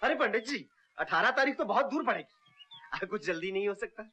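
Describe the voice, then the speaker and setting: Casting: a cocky, teasing young lover, bright lively voice. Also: male voice, high-pitched, normal speed, a little hiss or hum. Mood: playful. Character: swaggering rough-edged young man, playful lover. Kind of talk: 1970s Hindi film dialogue.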